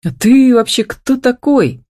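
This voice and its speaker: A woman voicing a brash, friendly young man who talks to his buddy loudly. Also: medium pitch, moderate pace, voice pushed up, lightly acted. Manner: brash, pleading.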